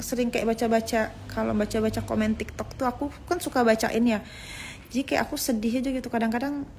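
A woman's voice: a little high, a little hiss or hum. A woman chatting casually at home on a phone livestream, answering viewer comments and often searching for words as she rambles on. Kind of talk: casual live chat.

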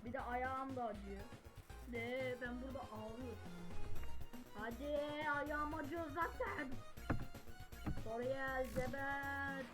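A woman yelling and swearing her way through gameplay commentary. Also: sits high, a little slow, low-quality recording. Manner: loud, yelling and cursing. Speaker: gamer. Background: game music.

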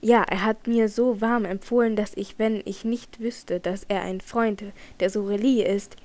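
A woman's voice: medium pitch, fairly even intonation, measured pace, a little mellow, dry recording, close to an everyday voice. A woman reading the part of a self-assured middle-aged male opera director who speaks emphatically in an audiobook.

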